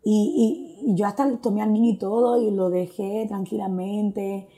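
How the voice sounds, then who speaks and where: A guest shares her personal faith testimony earnestly and reflectively, speaking Spanish mixed with English phrases and using plenty of fillers. Her medium-pitched voice is dark, fairly even in intonation and at a normal speed.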